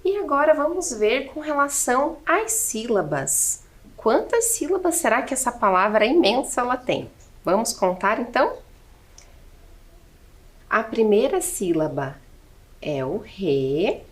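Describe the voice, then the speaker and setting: A woman's voice: fairly high pitch, sing-song, unhurried. A woman teacher with a Brazilian Portuguese accent, giving a patient classroom lesson and counting aloud step by step with rhetorical questions.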